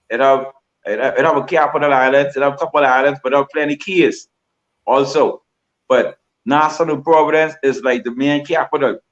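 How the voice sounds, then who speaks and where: A man's voice: medium pitch, dull audio. A Bahamian man giving a livestream interview, rambling and repeating himself with lots of "you know". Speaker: guest.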